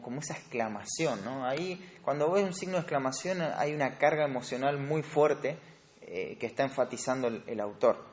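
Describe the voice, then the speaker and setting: A man with a Rioplatense Spanish accent teaching a Bible study class on grammar, explaining step by step and quizzing his students. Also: medium pitch. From Argentina. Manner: explanatory, asks the class questions.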